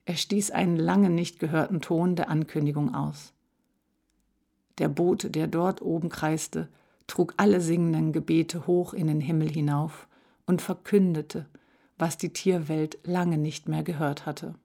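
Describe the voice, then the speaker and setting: A woman reads a children's storybook aloud in a low, calm voice. She takes her time, measured and even from line to line. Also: gravelly. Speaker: narrator. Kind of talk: storybook narration.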